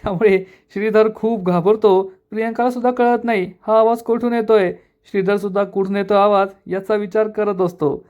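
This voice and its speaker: A man narrating a recap of a television serial episode in a steady, flowing storytelling manner. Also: high-pitched, moderate pace, hardly any pauses, lo-fi sound.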